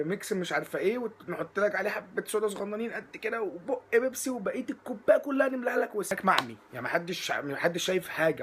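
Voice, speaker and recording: Fast-talking husky Egyptian man. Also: sits high. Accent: Egyptian Arabic. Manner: rapid, animated storytelling with acted-out exchanges. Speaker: comedian. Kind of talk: comic monologue.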